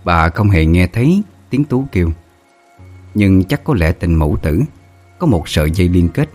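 Male narrator, low lively voice, dramatic ghost tale with faint music. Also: normal speed. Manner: emotive, dramatic. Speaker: storyteller. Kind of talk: scripted narration of a ghost story.

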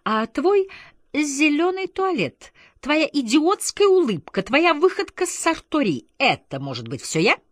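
A woman reader voicing a cynical, weary society man who grumbles in a low, confiding tone. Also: big pitch swings, moderate pace, husky, no room sound, clean studio sound, heavily acted. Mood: sarcastic. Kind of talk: audiobook character reading.

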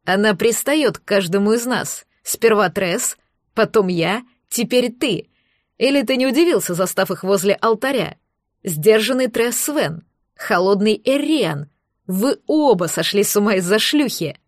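A woman reading an audiobook, voicing a mocking, angry young man in a lowered voice. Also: animated, unhurried, no echo, studio quality, natural voice. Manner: sneering, lower-pitched, forceful.

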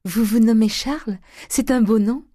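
A man's voice: sits high, sing-song, normal speed, dark tone, husky, no echo, clean studio sound, pitched above the performer's own voice, heavily acted. A man reading an audiobook, voicing a shy, tender young woman with an eager, earnest manner.

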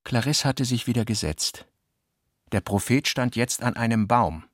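A man giving measured, scripted literary narration in a radio play. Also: medium pitch, expressive, dry recording, clean studio sound.

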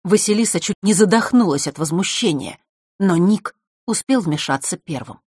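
Low-voiced woman reading a story. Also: husky, no room sound, clean studio sound. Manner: even, measured storytelling. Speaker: audiobook narrator. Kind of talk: scripted narration.

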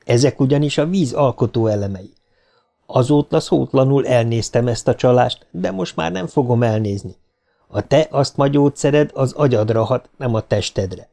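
A man reading a smug, quietly threatening middle-aged pharmacist in an audiobook, calm and self-satisfied. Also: mid-range voice, gravelly, natural voice.

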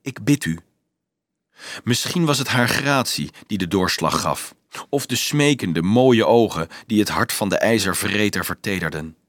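A man reads a storybook aloud in a steady, measured way, his voice sitting at an ordinary middle pitch. The sound is dry and close, with no room echo. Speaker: audiobook narrator. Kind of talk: scripted storybook narration.

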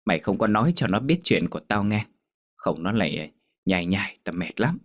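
A man's voice: sits low, sing-song, moderate pace. A man voicing an elderly, gossipy mother who grumbles and scolds. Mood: grumbling. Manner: scolding, griping.

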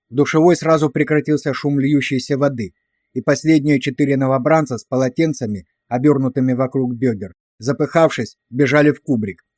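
Man, audiobook narrator, steady storytelling, fairly high voice, dry close mic. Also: no room sound.

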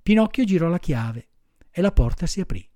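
A man reading a children's classic aloud in an expressive storytelling manner. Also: on the high side, normal speed, no echo, clean studio sound. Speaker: audiobook reader. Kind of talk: storybook narration.

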